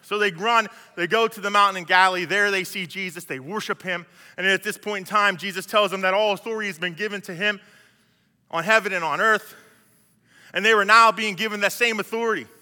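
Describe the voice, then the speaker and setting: High, bright-voiced preacher in a reverberant hall. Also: male voice, fairly even intonation, fairly quick. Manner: conversational, acts out biblical scenes, many restarts. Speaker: pastor. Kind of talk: sermon.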